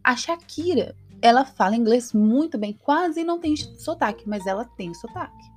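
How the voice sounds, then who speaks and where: A woman's voice: a little high, expressive, normal speed, a little mellow, faint music behind. A Brazilian woman with a Brazilian Portuguese accent, hosting a casual English-lesson podcast, tossing in checks like "tá?" as she goes. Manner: chatty, peppers lines with "tá?" and "entendeu?". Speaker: English teacher, podcast host.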